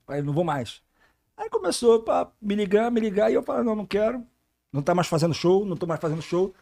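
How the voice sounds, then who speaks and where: A podcast guest with a fast, high-pitched voice and vocal fry swaps stories in loose, slangy conversation in the studio. Animated throughout, he performs the characters' voices as he goes.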